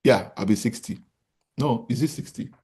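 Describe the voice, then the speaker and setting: Husky and darkish in tone, his mid-range voice moves at a normal speed. The speaker, a Nigerian man in his forties, founded a real estate company and is addressing an audience with a motivational business talk full of repeated key points and rhetorical questions.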